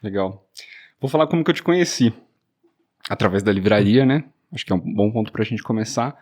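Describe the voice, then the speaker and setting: A man's voice: fairly low pitch, a little fast, darkish tone. A man hosting a podcast, asking questions in a friendly, chatty way. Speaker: podcast host. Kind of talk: casual podcast interview.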